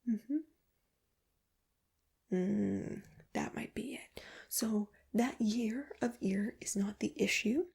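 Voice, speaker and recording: A woman doing a whispered role-play as an ear examiner, speaking in a breathy, gentle, reassuring whisper with close personal attention. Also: medium pitch, slow, long pauses. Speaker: ASMR performer playing an ear examiner.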